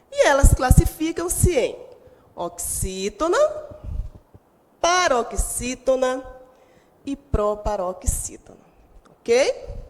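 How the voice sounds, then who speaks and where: A woman's voice: sits high, big-room sound. A woman teacher with a Brazilian Portuguese accent gives a recorded lesson to sixth graders. She speaks emphatically, stretches out stressed syllables and puts questions to the pupils at home.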